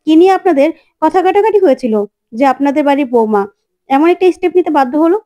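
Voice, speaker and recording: A woman voicing a brisk male police officer asking questions. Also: sits high, animated, mellow. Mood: questioning.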